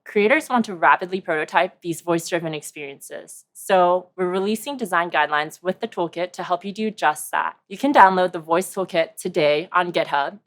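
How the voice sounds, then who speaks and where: A woman presenting at a developer conference in a clear, steady, rehearsed delivery. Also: on the low side, moderate pace, few pauses. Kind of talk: scripted product presentation.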